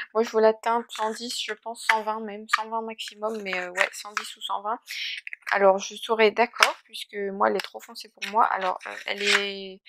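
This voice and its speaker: A woman's voice: medium pitch, vocal fry, very noisy. A young woman chatting casually through a beauty box unboxing, full of hesitations and fillers. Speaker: beauty vlogger.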